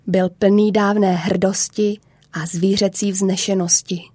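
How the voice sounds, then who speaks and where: A woman narrating a children's story in a calm, measured way. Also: mid-range voice, husky, dry recording, studio quality.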